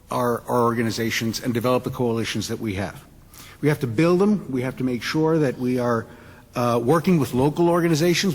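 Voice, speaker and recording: A man from Puerto Rico speaking earnestly on a symposium panel, halting and restarting his sentences. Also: on the high side. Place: conference hall. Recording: long reverb of a large hall.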